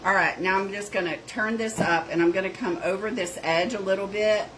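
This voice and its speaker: A middle-aged craft shop owner with a North Georgia Southern accent chats on a crafting livestream while demonstrating a project, drawling and saying "y'all" and "girl." Her voice is medium-pitched, steady, a little fast and fairly bright, with slight background noise and poor audio.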